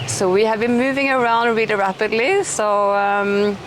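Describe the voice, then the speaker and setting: A woman's voice: mid-range voice, moderate pace. Chatty middle-aged woman outdoors. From Norway. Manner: chatty and enthusiastic, with frequent restarts and fillers. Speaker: host. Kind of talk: casual conversational interview. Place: outdoors in an eco village. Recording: noisy outdoor recording.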